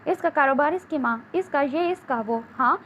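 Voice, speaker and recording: Brief: high-voiced defiant young wife, read by a woman narrator, scolding, dull lo-fi audio with faint hiss. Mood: fuming. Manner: sharp, scolding delivery. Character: angry young wife, sharp-tongued and defiant. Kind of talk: audiobook novel reading.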